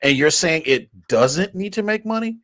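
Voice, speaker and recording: Brief: fifties male co-host, exasperated rants, pitch swinging wide, dry close sound. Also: animated, normal speed, a bit bright, no room sound. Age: 50s. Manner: ranting, exasperated, stammering repeats. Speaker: podcast co-host. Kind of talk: casual podcast chat.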